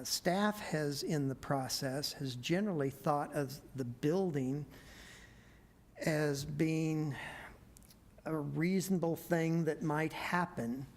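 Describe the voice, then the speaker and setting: A man giving a staff report at a city planning meeting, hesitant with many fillers, his voice a bit worn. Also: a little high. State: losing his voice. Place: council meeting room.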